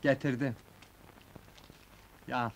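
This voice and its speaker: An actor playing a naive, simple-minded young village man in a 1970s film comedy, talking in a rustic, artless, halting way. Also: mid-range voice, flat delivery, vocal fry, slight background noise, low-quality recording. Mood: earnest. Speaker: comic lead.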